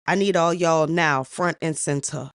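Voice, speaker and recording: A woman's voice: sits low, fairly even intonation, a little slow, clean tone, dry recording, clean studio sound. A woman voicing an angry, commanding male king who barks orders at his hunters. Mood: outraged. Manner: outraged, bossy.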